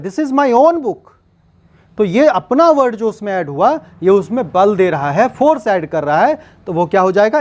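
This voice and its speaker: Slow, high-voiced grammar teacher. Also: male voice, a little mellow. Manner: slow, repeats and quizzes with rhetorical questions. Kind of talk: spoken grammar lesson.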